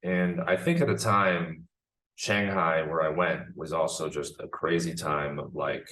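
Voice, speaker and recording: A man's voice: very deep voice, steady tone, measured pace, pushed and bright, rough recording. A young man, a filmmaker, answering interview questions in a reflective, rambling way with many restarts. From born in China, raised in the United States. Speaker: guest filmmaker.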